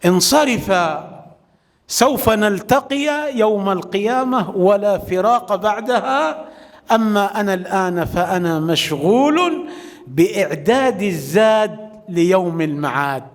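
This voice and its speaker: A man voicing a humble ascetic holy man, speaking slowly and softly. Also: animated. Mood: calm. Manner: slow, low, soft pleading tone. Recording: long hall reverb.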